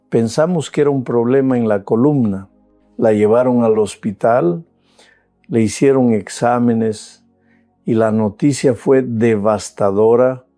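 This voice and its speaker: An older man preaching a sermon as a pastor, slow and measured, with dramatic pauses and surges of emotional emphasis. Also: medium pitch, dark tone, dry recording.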